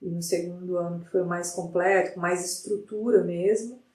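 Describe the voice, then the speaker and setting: Woman psychologist guest, middle-aged, animated storytelling with restarts, echoey room, a bit far from the mic. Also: lowish voice, moderate pace. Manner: animated retelling with frequent restarts. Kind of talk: conversational storytelling in an interview. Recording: roomy sound from off the mic.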